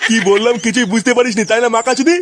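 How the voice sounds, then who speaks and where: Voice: mid-range voice, fairly even intonation, rapid-fire, background noise, lightly acted. A voice actor playing an angry middle-aged village husband who hurls abuse. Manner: shouting abuse.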